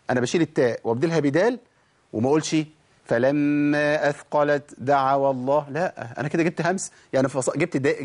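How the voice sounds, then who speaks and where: Fast-talking Egyptian tajweed teacher. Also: male voice, mid-range voice, darkish tone, breathy edge. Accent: Egyptian Arabic. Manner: asks and answers his own questions; demonstrates pronunciation. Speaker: Quran recitation teacher. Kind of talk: tajweed lesson.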